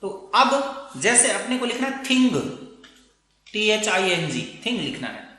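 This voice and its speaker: High, bright male teacher in an echoey room. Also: sing-song, measured pace. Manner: explains step by step with frequent checks like "theek hai na". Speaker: English teacher. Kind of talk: phonetics lesson. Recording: echoey room with long reverb.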